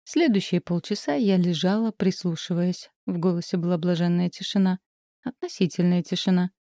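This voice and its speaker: A woman narrating a first-person storybook with lively storytelling. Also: fairly low pitch, moderate pace, no echo, clean studio sound. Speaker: audiobook narrator.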